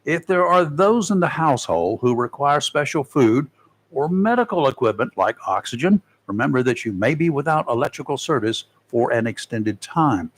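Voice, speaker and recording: Folksy radio talk show host. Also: male voice, medium pitch, animated, normal speed. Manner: folksy, adds joking asides while reading. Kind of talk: casual radio talk and read-out segment. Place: radio studio.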